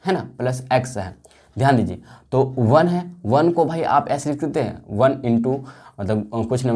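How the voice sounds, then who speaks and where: A man's voice: medium pitch, warm tone. A man teaching a maths lesson, asking questions and answering them himself, with a lot of repetition. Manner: asks and answers his own questions, repetitive. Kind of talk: classroom lesson.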